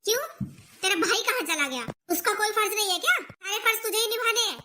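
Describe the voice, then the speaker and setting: Woman doing a squeaky scolding cartoon mother-in-law. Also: fast, a little hiss or hum, exaggerated voice. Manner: sharp, scolding, sarcastic. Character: nagging scolding middle-aged mother-in-law. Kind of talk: cartoon voice acting.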